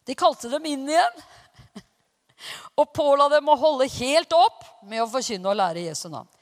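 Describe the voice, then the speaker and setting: A woman preaching a sermon, telling stories with animated, emphatic rises. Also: high-pitched. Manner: animated storytelling with rising emphatic peaks. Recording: reverberant hall.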